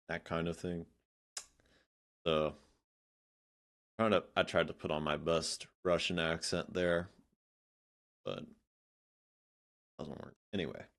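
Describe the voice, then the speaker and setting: A man's voice: deep voice, vocal fry. A man giving blunt, sarcastic reaction commentary, swearing freely and scattering fillers as he talks. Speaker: commentary streamer.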